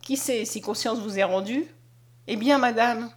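A woman's voice: on the high side, unhurried, breathy edge. A woman reading the lines of a humble, grateful young woman in a storybook, in an earnest, emotional way.

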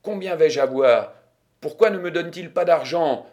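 In an audiobook reading, a man voices a stubborn, excitable old grandmother at a gambling table, shrill, scolding and insistent. His voice sounds natural, the pace moderate, the mood exultant.

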